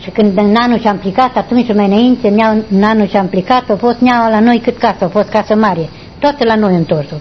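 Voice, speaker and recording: An older woman, recalling her past in a rambling, halting way during an interview. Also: medium pitch, slight background noise. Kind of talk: oral history recollection. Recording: dull lo-fi recording.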